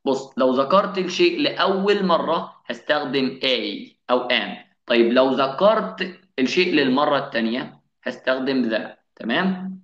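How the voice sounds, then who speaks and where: A man's voice: medium pitch, expressive, fairly bright tone. Egyptian guy teaching english grammar, asks and answers his own questions, echoey room, bit muffled. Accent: Egyptian Arabic. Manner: asks questions and answers them himself, slowing down to spell out English examples. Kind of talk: classroom-style grammar lesson. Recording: echoey room, slightly dull sound.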